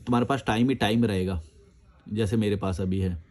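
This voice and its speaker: A man's voice: lowish voice, steady tone, a little fast, darkish tone. A man answering viewer comments in a casual chat, blunt and argumentative, recorded outdoors. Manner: blunt, argumentative, reads comments aloud then rebuts.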